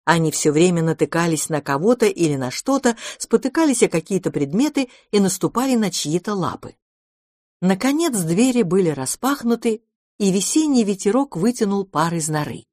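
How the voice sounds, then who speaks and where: A woman narrating a children's storybook in a lively, expressive way. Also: medium pitch, normal speed, no echo, clean studio sound. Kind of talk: storybook reading.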